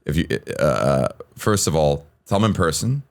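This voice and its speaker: Very deep-voiced man, wry and self-mocking. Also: animated, normal speed, vocal fry. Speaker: podcast co-host, comic. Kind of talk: casual chat, storytelling.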